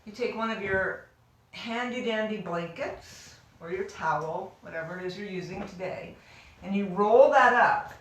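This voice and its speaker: Careful, unhurried woman teaching yoga, very echoey. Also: medium pitch. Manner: careful, unhurried, gentle step-by-step cueing; informal, encouraging. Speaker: yoga instructor. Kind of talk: guided yoga class instruction. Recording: very echoey room, distant microphone.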